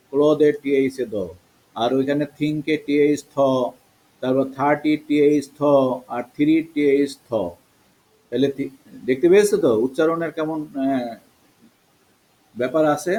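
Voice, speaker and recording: A man teaching an online English pronunciation class, slowly drilling and repeating sounds for his pupils. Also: a little high, mellow, poor audio. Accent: Bangladeshi. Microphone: video call.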